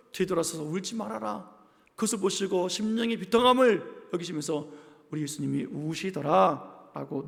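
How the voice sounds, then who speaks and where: Gravelly high-voiced pastor in a reverberant church. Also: male voice. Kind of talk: Sunday sermon. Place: church sanctuary. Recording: church hall with long reverb.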